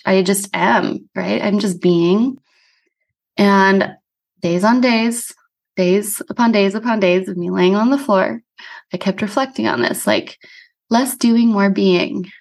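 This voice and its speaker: A woman's voice: medium pitch, a little mellow. A woman hosting her own podcast, talking earnestly and casually through a reflective personal monologue, with frequent "like" fillers. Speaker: podcast host; somato-emotional release practitioner.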